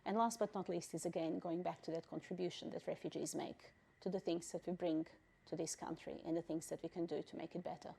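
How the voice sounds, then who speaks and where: A middle-aged Bosnian woman, president of a refugee council, answers interview questions thoughtfully and deliberately, with frequent pauses and fillers. Her voice is fairly low, steady, gravelly and warm, with slight background noise.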